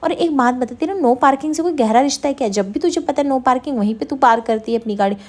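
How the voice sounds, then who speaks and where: A woman's voice: high voice, fast talker, darkish tone. A woman voicing a protective young man who soothes and scolds by turns. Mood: reassuring.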